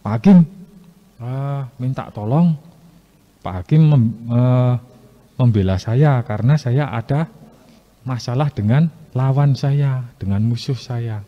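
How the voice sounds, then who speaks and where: A man's voice: medium pitch, slow pace, pauses often, lightly acted. A man voicing a persistent widow who keeps begging for help in a told Bible story. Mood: pleading. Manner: pleading, insistent. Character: persistent pleading widow, woman. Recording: muffled echoey hall.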